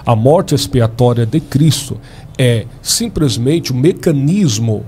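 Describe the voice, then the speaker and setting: A Brazilian man, a pastor, laying out his side of a theological debate in a measured, explanatory way and quoting scripture. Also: mid-range voice, expressive, mellow, a little hiss or hum. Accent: Brazilian Portuguese.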